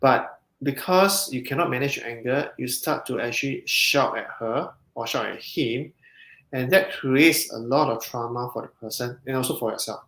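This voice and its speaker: A counselling psychologist speaks in a podcast interview, explaining things in a measured way while frequently restarting his sentences. His voice is mid-range with a fairly bright tone, and the recording has a roomy echo.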